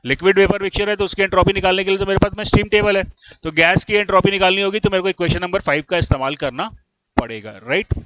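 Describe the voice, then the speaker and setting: A fast-talking engineering lecturer with a high-pitched, fairly bright voice explains material step by step and frequently asks whether his students follow, scolding them when exasperated. The recording is rough, with a little hiss or hum.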